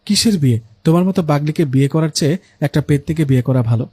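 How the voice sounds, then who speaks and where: A man's voice: on the high side, quick pace, warm tone, breathy edge, no echo. A man voicing a mischievous, teasing male ghost in a spoken story.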